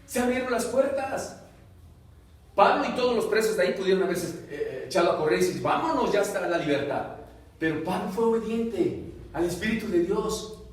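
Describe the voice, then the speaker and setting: A man preaching a sermon and leading a closing prayer, with sudden loud exclamations that give way to quiet, soft prayer. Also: high voice, animated, normal speed. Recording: very echoey room, voice far from the mic.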